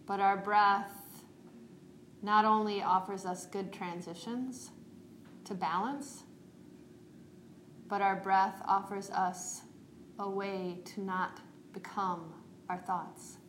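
A woman leads a guided meditation in a calm, meditative tone. She speaks slowly at a middle pitch, as a yoga teacher would. The room adds noticeable echo, with faint noise behind her.

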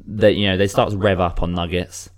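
Deep-voiced man chatting about music. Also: flat delivery, fairly quick. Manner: rambling, restarts, many "you know". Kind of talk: casual music review chat.

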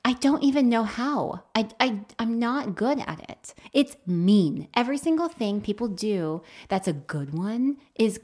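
A young woman co-hosting a podcast, telling stories in casual chat and acting out quoted lines with lively voices. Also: a little high, unhurried, hardly any pauses. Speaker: podcast co-host.

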